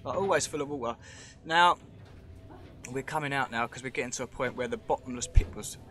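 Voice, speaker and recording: This cave vlogger speaks a little fast, his medium-pitched voice sharp in tone. Holding the camera as he moves underground through a show cave, he rambles chattily, speculates, and points things out.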